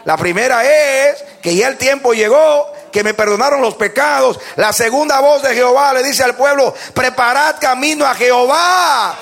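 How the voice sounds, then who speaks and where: High-pitched man preaching with fire. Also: moderate pace, few pauses. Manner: loud impassioned preaching with call-and-response. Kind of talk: fervent sermon.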